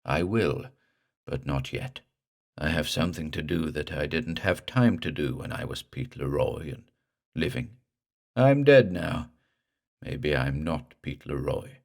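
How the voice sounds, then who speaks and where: A storyteller voices a dead man who has risen from the water, using a very deep, menacing, slow drawl that gurgles and growls. The performance is animated, gravelly, and exaggerated.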